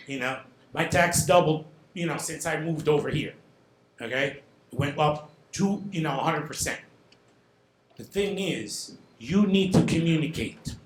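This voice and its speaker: A man making an impromptu, scolding public complaint as a resident, emphatic and often checking in with short tags. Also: on the high side. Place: indoor council meeting room. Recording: echoey meeting room, faint noise.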